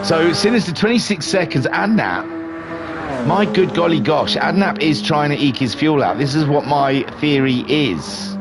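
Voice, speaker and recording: A middle-aged Englishman with a medium-pitched voice and an accent mixing northern and southern English chats loosely as he commentates a live racing stream, reading the chat aloud. Game music and engine sounds play in the background.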